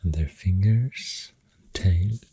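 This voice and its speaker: Low-pitched and whispery, this ASMR host with a Swedish accent drifts through facts in an unhurried, hesitant ramble as she draws. The close, dry microphone picks up pencil scratching and clicks.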